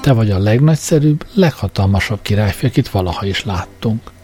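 A man voicing a boastful, cheerful storybook man who flatters a prince and giggles. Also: lowish voice, soft background music, natural voice. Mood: flattering.

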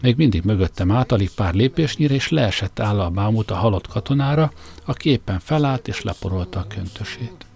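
A man's voice: on the low side, lively intonation, creaky, a little mellow. A man narrating an audiobook in a wry, comic first-person storytelling style.

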